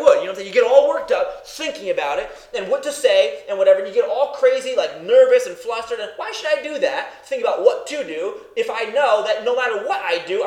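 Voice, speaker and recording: Male preacher, high and very expressive voice, conversational sermon full of rhetorical questions, roomy echo.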